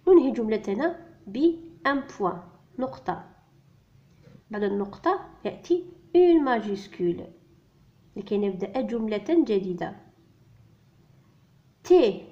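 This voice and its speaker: A woman teaching French reading to beginners, spelling out letters and sounds one by one and repeating each word. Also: a little high. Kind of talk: slow spelled-out reading lesson. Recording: dull lo-fi recording.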